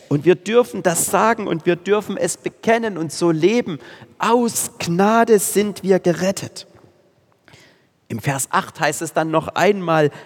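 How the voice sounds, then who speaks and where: A man with a slightly high, husky voice delivers a sermon at an unhurried pace. He leans on repeated phrases with emphasis. The sound carries a long reverb, as in a church hall. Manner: slow, emphatic preaching with stressed repetitions. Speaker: preacher.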